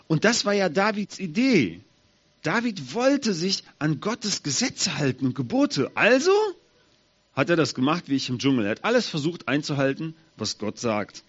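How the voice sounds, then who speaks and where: A man giving a children's sermon in a slightly husky voice, asking his listeners direct questions. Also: a little high, highs cut off. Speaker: preacher for children.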